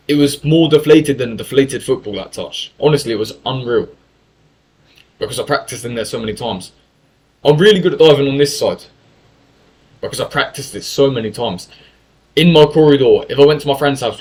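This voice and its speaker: A young Englishman and YouTuber tells a story in a casual monologue, caught on a rough recording. His medium-pitched voice runs talkative, full of swearing and constant self-corrections.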